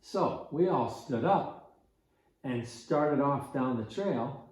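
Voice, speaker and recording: Slow-telling male storyteller, echoey room. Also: medium pitch. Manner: slow, conversational, gently animated. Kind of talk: storytelling for children.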